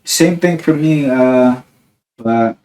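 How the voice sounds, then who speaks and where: This podcast host is a young guy from New Jersey who chats casually, wandering from point to point and leaning on "like" and "dude." He speaks slowly in a warm, medium-pitched voice. The recording quality is rough.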